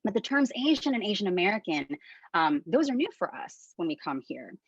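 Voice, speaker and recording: A woman's voice: mid-range voice, big pitch swings, fairly quick, slightly rough, no room sound. Woman in her thirties on a muffled call. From Philippines. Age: 30s. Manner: candid and conversational. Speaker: webinar speaker. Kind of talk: informal webinar presentation. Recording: dull lo-fi dry call audio.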